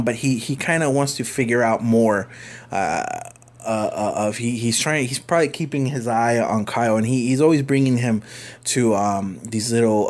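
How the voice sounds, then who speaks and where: A man casually reviewing a comic book, rambling with many fillers and restarts. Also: mid-range voice.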